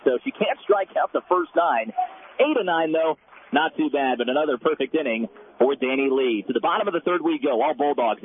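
A man giving brisk, stat-heavy play-by-play of a softball game, heard as a loud, dense radio broadcast. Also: on the high side. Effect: loud dense radio broadcast sound. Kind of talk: live softball commentary. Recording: narrow tinny radio band, faint hiss.

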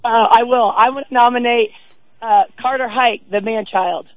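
A woman calling in to a sports show for a casual chat, her voice worn and shaky from illness and yelling. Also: on the high side, steady tone, moderate pace, dry recording. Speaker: regular caller to a sports show. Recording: narrow dry phone line.

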